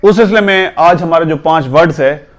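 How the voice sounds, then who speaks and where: A young man teaching pronunciation, with a voice set a little higher than most men's. He spells each word out letter by letter and repeats it slowly and patiently, correcting the usual mistakes. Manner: patient, corrective, often says "theek hai". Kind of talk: instructional video lesson.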